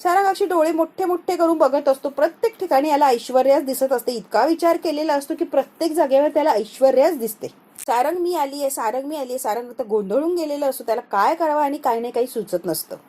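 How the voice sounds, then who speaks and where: High-voiced Marathi woman retelling a serial. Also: quick pace, few pauses, warm tone. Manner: switches between narration and acted dialogue of several characters. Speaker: serial episode recap narrator. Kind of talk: voice-over retelling of a TV serial episode, acting out lines.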